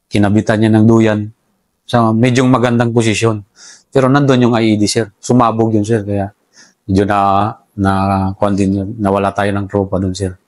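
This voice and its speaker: A soldier telling how the enemy operated, in a relaxed interview, respectfully calling his listener sir throughout. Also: fairly low pitch, dry recording. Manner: respectful, says "sir" constantly. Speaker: soldier recounting enemy tactics. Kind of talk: casual interview storytelling.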